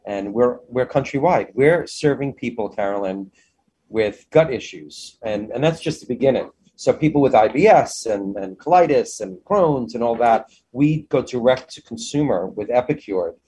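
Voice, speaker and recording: Husky-voiced, enthusiastic man being interviewed. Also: medium pitch, animated, moderate pace, mellow, poor audio. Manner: enthusiastic, effusive. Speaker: interview guest, food business owner. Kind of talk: conversational interview.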